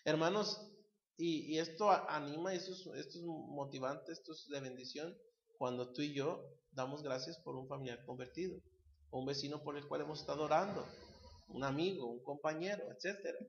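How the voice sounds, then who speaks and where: A man's voice: a little high, moderate pace, a little hiss or hum. A man preaching a sermon, emphatic and asking the congregation questions. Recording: roomy, slightly dull church recording.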